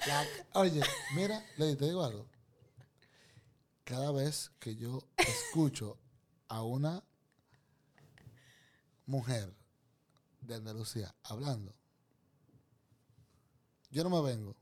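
A man's voice: medium pitch, lively intonation, takes it slowly, long pauses. A man from the Dominican Republic with a Dominican Spanish accent, hosting a chat show and joking crudely with a guest. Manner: joking, teasing, bursts of loud laughter. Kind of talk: crude comic banter.

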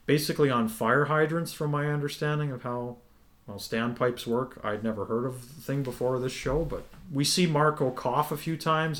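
Easygoing man recapping a TV episode. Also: medium pitch. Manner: relaxed, many ums, explains at length. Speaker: podcast co-host. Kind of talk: casual recap discussion.

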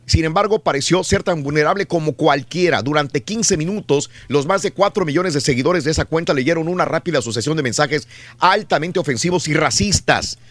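A man with a Mexican Spanish accent runs a radio show and tells the news in a lively, indignant way, with many ums and restarts. His voice sits a bit high for a man. The sound is dry and close, with no room around it. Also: a little fast, no echo. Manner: indignant, animated storytelling with many fillers. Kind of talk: news commentary on a morning show.

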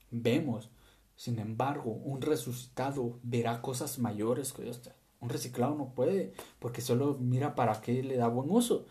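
Male preacher, lively sermon delivery, mellow dark tone. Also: mid-range voice. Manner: animated, acts out voices, laughs, asks congregation "¿sí?".

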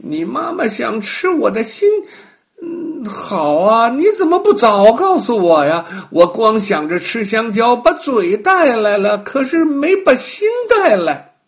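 A shrill, jittery little monkey squeals through this storybook tale, voiced by a man. His voice jumps far above a normal man's and swings wildly up and down. He sounds excitable and easily frightened. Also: unhurried, exaggerated voice. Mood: sly.

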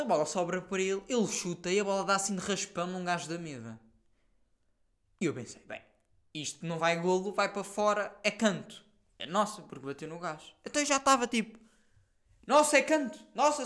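A young man with a European Portuguese accent, hosting a casual solo podcast and telling stories in an animated, slangy way full of fillers and the odd swear word. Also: high-pitched. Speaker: podcast host.

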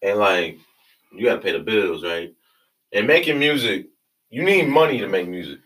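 A man's voice: fairly low pitch, lively intonation, moderate pace, fairly bright tone, far from the mic, rough recording. A man casually interviewing someone in slangy, encouraging bro talk. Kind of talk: casual chat.

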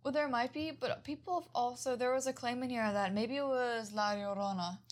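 A woman co-host casually recounting what she has read, in a relaxed way and laughing easily. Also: on the high side, a little fast. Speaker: podcast co-host presenting the research. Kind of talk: casual conversational storytelling.

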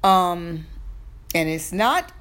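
A woman with a Southern US accent hosting a podcast, giving an informal motivational talk in halting, deliberate phrases. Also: fairly low pitch, sing-song, a bit bright. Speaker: podcast host.

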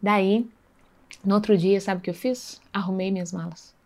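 A woman's voice: mid-range voice, steady tone, normal speed, a little mellow. A woman sharing a personal faith testimony in an earnest, conversational way, often checking in with her listeners. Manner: earnest, conversational, acts out dialogue, frequent tag questions.

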